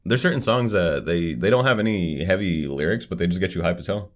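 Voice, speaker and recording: A man's voice: low voice, brisk. A young man co-hosting a podcast in casual chat, laid-back, opinionated and swearing freely. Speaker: podcast co-host.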